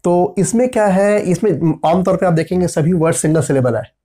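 A man with a high-pitched, mellow voice explains grammar at a normal pace. Along the way he patiently spells out letters and regularly checks in with his audience.

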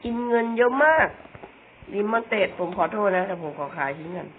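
This gamer's voice is high-pitched, expressive and a little fast as the young man talks his way through a video game. His chatty commentary is full of self-mockery and repeated, stumbling words, heard through tinny, phone-like audio with a faint hiss.

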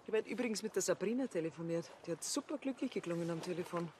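A woman's voice: fairly low pitch, animated, racing, darkish tone, a little hiss or hum, lightly acted. An actress playing a chatty, teasing landlady.

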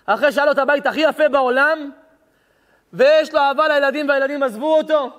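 A man's voice: extremely high pitch, a bit bright. A male rabbi giving an impassioned sermon, telling a parable and asking rhetorical questions. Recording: reverberant hall.

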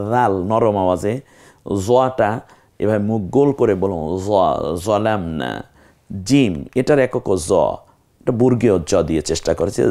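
Patient lower-voiced man teaching letters. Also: a little mellow. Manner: slow, patient, repeats letters for viewers to echo. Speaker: Quran teacher. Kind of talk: televised recitation lesson.

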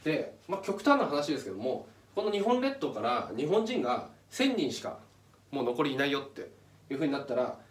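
A man giving a casual, step-by-step explanatory talk as channel host, pointing things out on a chart as he goes. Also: a little high. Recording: echoey room, mic at a distance.

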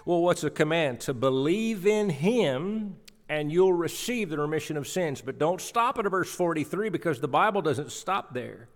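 Speaking at normal speed with a fairly high, animated voice, a middle-aged man preaches from scripture at a church pulpit. He's emphatic and leans on repeated phrases for weight, all in the echoing sound of a church hall.

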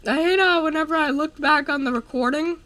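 A man's voice: extremely high pitch, brisk. A young man hosting a co-op game session from his desk mic, joking and trailing off with fillers as he plays. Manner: excitable, jokey, trails off with fillers. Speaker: host. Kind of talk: casual gameplay chat.

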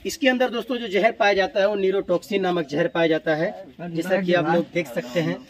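Outdoors in an Indian village, a man with a high-pitched voice speaks briskly and in a steady tone as he rescues snakes and narrates for the camera. He keeps addressing his viewers as "friends" and turns to urgent pleading when onlookers threaten the snake. Villagers chatter throughout this noisy crowd recording.

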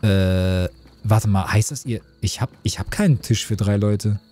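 A young man in casual live-stream chat with a mellow, relaxed tone. He jokes with his viewers and reads out their messages as he plays. Faint music runs behind him. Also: lowish voice, measured pace.

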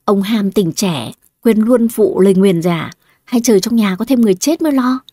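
A woman voicing a sharp-tongued, scheming older wife who nags her husband with cutting retorts. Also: medium pitch, lively intonation, dry recording, lightly acted. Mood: scornful. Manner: cutting, nagging, quick retorts.

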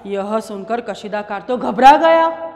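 A woman's voice: a little high, animated, a little slow, darkish tone, long reverb tail. A woman teacher, animatedly telling a story and explaining words to children.

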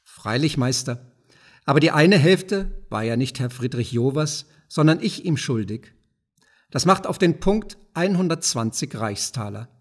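A canny, self-pleased senator from a classic storybook who addresses people in stiff old-fashioned forms, as a male audiobook reader does him. His voice is slightly husky at a middle pitch. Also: expressive, measured pace. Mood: self-assured. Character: shrewd, self-satisfied old-style merchant senator.

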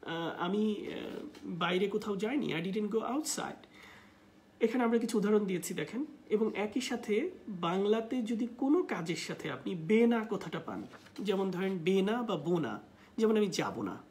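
A woman with a Bangladeshi accent leads a live online English lesson at a mid pitch. She explains in a chatty teaching manner and stretches each English example out slowly. Faint background noise sits under her voice. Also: animated, darkish tone. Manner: explains in Bengali, slowly reads out English example sentences, many filler "ah"s.

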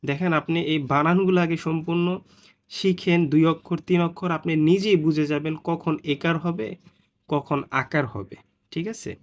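A man with a somewhat high voice leads a spoken phonics lesson at a very slow, deliberate pace. He spells out two-letter combinations one at a time, pausing on each sound and often checking in with the listener before moving on. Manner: frequent "ঠিক আছে" check-ins. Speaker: English reading teacher.

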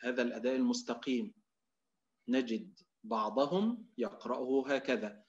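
In an online lecture, a man teaches Quran recitation, explaining as he goes and giving drawn-out demonstration readings. He often fills his pauses with the Egyptian "إيه", and his medium-pitched voice has its highs cut off.

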